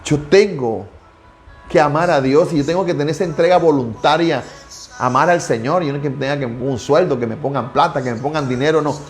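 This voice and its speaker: Soft music plays behind a man whose voice is fairly high and whose pace is fairly quick. He is a pastor preaching devotionally, sharing his own testimony and hammering points home through emphatic repetition.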